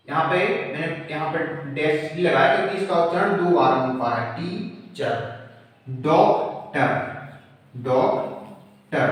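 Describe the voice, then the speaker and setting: A man teaching a casual grammar lesson, reassuring and slowly repeating the key terms. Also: high-pitched. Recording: echoey room, voice from a distance.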